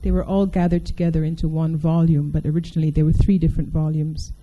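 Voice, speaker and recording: A woman's voice: low voice, level tone, quick pace, dark tone, lo-fi sound, a little hiss or hum. A woman giving a public talk to an audience, wry and conversational, often asking the crowd questions. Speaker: speaker addressing an audience. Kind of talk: public talk with a reading from a novel.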